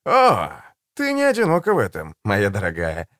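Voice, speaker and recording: A man reading an audiobook, voicing a suave, condescending male assassin in a soft, low, silky voice. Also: wildly swooping pitch, normal speed, dry recording, studio quality. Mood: silky, ironic. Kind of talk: audiobook character voice.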